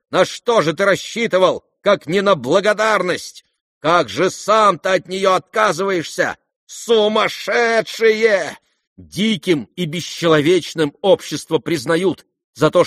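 Гневная пожилая дворянка в исполнении мужчины, высоко, сухая запись, аудиокнига. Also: male voice, high-pitched, a bit bright, no echo, clean studio sound, pitched above the performer's own voice. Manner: indignant, scolding, exclamatory. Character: imperious, furious older noblewoman scolding guests. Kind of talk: audiobook character reading.

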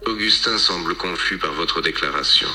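A synthetic male voice narrating an interactive story game in a calm, even storytelling manner. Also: low voice, moderate pace, faint music behind. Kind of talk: computer-read story narration.

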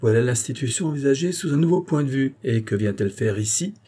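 A man's voice: medium pitch, lively intonation, fast talker, mellow, slightly rough, pitched above the performer's own voice. A man voicing a jovial country priest with a teasing, bantering manner. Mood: mocking.

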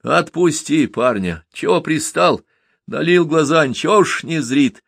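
A man's voice: a little high, animated, unhurried, vocal fry, slightly rough, dry recording, studio quality, voice pushed up, full character voice. A man doing a scolding village woman. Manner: scolding, lamenting.

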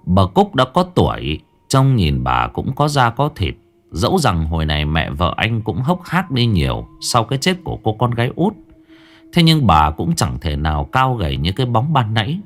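A man narrating a scripted horror story, dramatic and hushed at tense moments. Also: lowish voice, wildly swooping pitch, normal speed.

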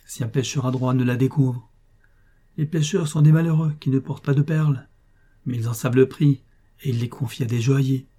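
A man reading aloud and voicing a shabby, sly old male bailiff's clerk who talks in a wheedling, grandly flattering way. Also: mid-range voice, fairly quick, natural voice. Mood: sly, jovial.

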